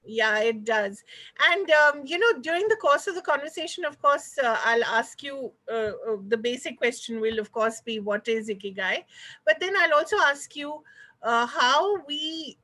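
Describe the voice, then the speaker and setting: A woman's voice: high-pitched, animated, moderate pace, bright, forceful tone. A woman with an Indian accent hosting a conversational online interview, polite and somewhat rambling as she frames her questions. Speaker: host of an online talk show. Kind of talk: conversational interview, video call. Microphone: video call.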